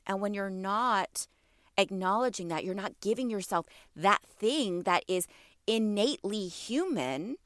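In a clean, echo-free studio recording, a woman in her thirties hosts a wellness podcast, her mid-range voice lively in intonation and measured in pace. Allergies leave her sounding slightly congested as she chats casually with listeners, warmly encouraging them and asking them questions.

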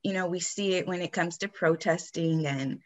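A woman's voice: fairly low pitch, normal speed. Woman, podcast co-host, casual chatty storyteller, easy laughs. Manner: frequent fillers like "like" and "you know".

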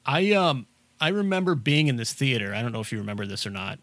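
A man's voice: medium pitch, very animated, fast, a bit bright, dry recording. A man casually talking through a film as he watches it, rambling with lots of fillers and restarts. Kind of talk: casual movie commentary chat.

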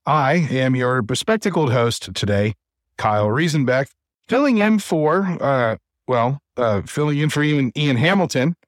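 A man hosting a casual livestream podcast chat over a crackling, distorted mic, halting with fillers and restarts. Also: medium pitch, sing-song, dry recording, clean studio sound. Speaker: host.

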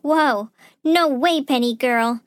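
Lady doing a high careful kid friend, dry close sound. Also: slow pace, dry recording. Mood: cautious. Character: sensible young friend, cautious.

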